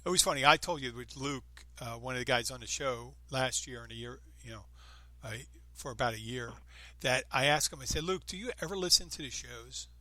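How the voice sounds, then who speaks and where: A man's voice: medium pitch, fairly quick, few pauses, sharp tone, dry recording. A man in his fifties hosting a podcast, chatting casually and rambling with frequent restarts. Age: 50s. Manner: rambling, upbeat, self-interrupting. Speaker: podcast host. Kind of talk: casual chat.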